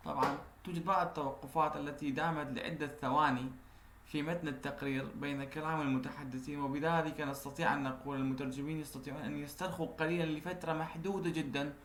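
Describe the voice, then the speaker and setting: Male university lecturer, fairly high voice, slow careful reading, echoey room, faint hiss. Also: flat delivery, fairly bright tone. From Iraq. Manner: reads English slowly, then explains in Arabic. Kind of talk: recorded lecture.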